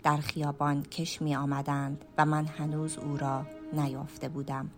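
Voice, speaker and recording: Low-voiced woman narrating a hushed radio story. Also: monotone, over music. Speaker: storyteller and writer.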